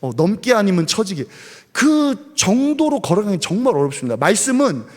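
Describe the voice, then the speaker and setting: A man with a high, light voice preaches a sermon, pressing his point with rhetorical questions and then easing into softer asides. His voice rings out in a church sanctuary with a long reverb tail. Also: very animated, moderate pace. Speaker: pastor.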